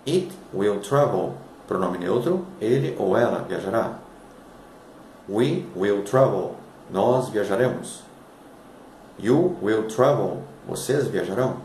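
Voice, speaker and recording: A man, a native Portuguese speaker, teaching English in a scripted lesson, reading example sentences slowly and dropping his voice on the translations. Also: animated, a little mellow, reverberant, slight background noise, poor audio. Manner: slow deliberate reading of example sentences, drops pitch on translations.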